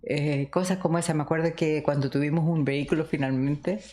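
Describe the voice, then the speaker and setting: A woman's voice: low-pitched, steady tone, fairly quick. A middle-aged woman from Chile, co-hosting a podcast and telling stories of her past in a reflective, conversational way, laughing often. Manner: warm, reminiscing, laughs often. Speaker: podcast co-host.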